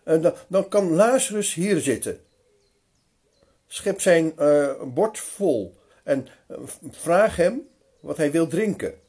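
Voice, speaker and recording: An old patriarch speaks with patient, kindly firmness, voiced by a man telling the story. His tone is husky and mellow, lifted a little above the teller's own voice. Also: fairly high pitch, slow pace, exaggerated voice. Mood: welcoming. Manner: hospitable, then calm and firm. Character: old patriarch Abraham, kindly but firm.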